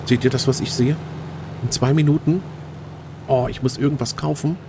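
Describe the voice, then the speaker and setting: A man giving chatty, casual commentary while playing a game, talking straight to his viewers and getting easily excited. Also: mid-range voice, normal speed, noisy background. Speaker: let's play host.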